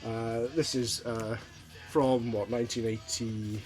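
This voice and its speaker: A man's voice: mid-range voice, flat delivery, a little slow, a little mellow, soft background music. A middle-aged man from Wales, chatting casually and hesitantly through a show-and-tell of his record collection. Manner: rambling, hesitant, many ums and restarts. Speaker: vinyl collector vlogger.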